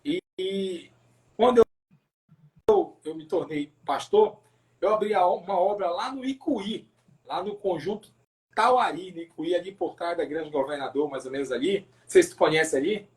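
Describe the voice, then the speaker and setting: A pastor from Pará with a northern Brazilian accent shares his personal testimony as a guest in a casual podcast interview. He speaks haltingly, repeating words and adding tag questions, in a high, expressive, slightly mellow voice.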